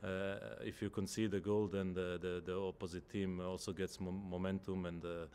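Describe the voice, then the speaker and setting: Deep flat-voiced footballer. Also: male voice, normal speed, a little hiss or hum. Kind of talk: post-match press conference answers. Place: indoor press room. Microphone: table microphone in front.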